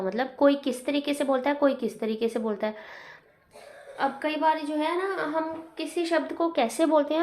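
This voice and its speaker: A woman's voice: high voice, a little mellow. A woman teaching a Hindi writing lesson, explaining each point with repeated examples and asides. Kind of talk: classroom lesson.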